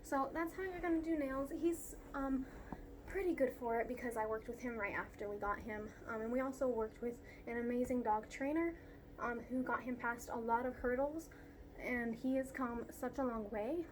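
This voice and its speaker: Casual home tutorial host: young woman, breathless, filler-heavy, a touch high-pitched, light background hiss. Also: moderate pace. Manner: chatty, lots of ums, talks to her dogs. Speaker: dog groomer demonstrating nail care. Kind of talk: casual how-to explanation. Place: at home with dogs.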